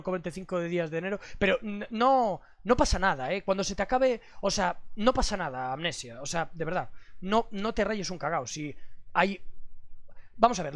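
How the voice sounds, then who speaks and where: Young man, livestream chat, foul-mouthed, animated, dry close mic. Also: high voice, no room sound. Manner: crude, animated, swears constantly. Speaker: streamer.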